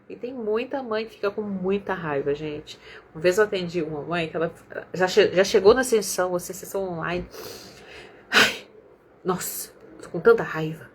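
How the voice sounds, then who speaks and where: Brazilian woman, parenting counselor, high-ish voice, lively anecdotes with acted-out quotes, faint room hum. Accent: Brazilian Portuguese. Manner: animated storytelling, acting out quoted mothers and children. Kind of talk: casual talk to followers.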